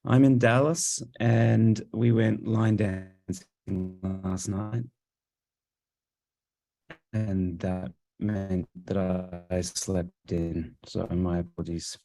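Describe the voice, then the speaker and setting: A speech neuroscience professor with an Australian accent gives a virtual conference talk through Bluetooth headphones, full of fillers and restarts. His low, dark voice is flat, with drawn-out words, and the audio quality is poor.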